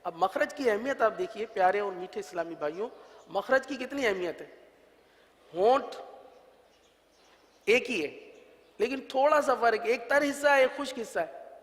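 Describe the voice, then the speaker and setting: A man with a Pakistani Urdu accent teaching how to pronounce Quranic letters, patiently repeating each sound in long drawn-out syllables. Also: sits high, expressive, a bit bright. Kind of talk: religious letter-pronunciation lesson. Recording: long reverb.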